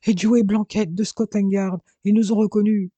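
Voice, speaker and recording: Guy doing a scared little crook yelping in a panic, pitched up, dark dry sound. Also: flat delivery, normal speed, no echo. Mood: panicked. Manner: panicked, breathless, stammering.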